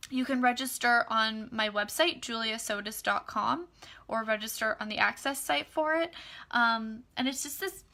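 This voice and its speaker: A woman talking casually on a live video, excitedly promoting her book club and class, with many fillers. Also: fairly high pitch. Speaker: online class facilitator.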